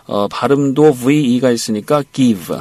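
A man's voice: medium pitch, lively intonation, fast, dry recording. A man teaching English pronunciation on a broadcast lesson, patient and drilling words.

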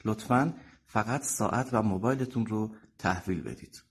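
A man's voice: lowish voice, a little hiss or hum, natural voice. A man voicing a polite, formal female receptionist in an audiobook reading. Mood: courteous. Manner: courteous, formal.

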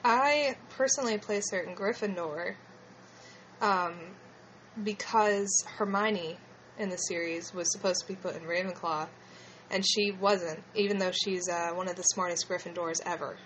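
A woman's voice: fairly low pitch, normal speed, a bit bright, slight background noise, low-quality recording. A woman with a slushy lisp hosting a casual fan discussion in a hesitant, rambling way. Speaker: podcast host.

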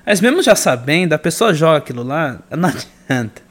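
A man's voice: fairly high pitch, very animated, brisk, a bit bright. A man chatting enthusiastically about games, often laughing as he talks. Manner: enthusiastic, laughs while talking. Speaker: podcast co-host. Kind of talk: casual gaming chat.

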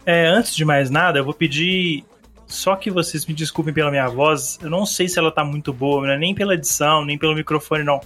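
A man from Brazil, a bit hoarse, hosting a casual solo podcast and rambling along in a slangy, chatty way. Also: a little high, fairly quick, a bit bright, faint music behind. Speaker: podcast host. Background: faint song playing.

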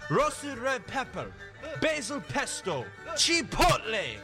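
A man voicing a cheesy hummus shop owner in a mock radio ad, with a sing-song hard-sell pitch. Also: huge pitch swings, slow pace, creaky, music in the background, heavily acted. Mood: salesy. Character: over-eager hummus shop owner doing a radio jingle.

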